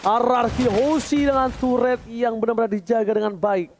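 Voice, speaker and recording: An Indonesian-accented man doing live esports play-by-play, excitable and playful, mixing in English catchphrases. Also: extremely high pitch, moderate pace, slight background noise. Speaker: esports shoutcaster. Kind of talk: live play-by-play game commentary. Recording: loud game music behind. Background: loud game music.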